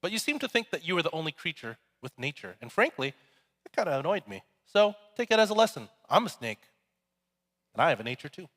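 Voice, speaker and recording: A man's voice: on the high side, very animated, fast, fairly bright tone, voice pushed up. A preacher voicing a cunning male snake in a fable, in a storytelling manner. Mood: smug. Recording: echoey hall.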